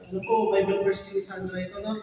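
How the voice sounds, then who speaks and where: A man preaching a lively sermon, mixing Tagalog with English and calling on the congregation to respond. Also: sits high, fast talker, noisy background. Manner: animated, switching between Tagalog and English, urging the congregation to respond. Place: church hall. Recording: echoey hall, picked up from a distance.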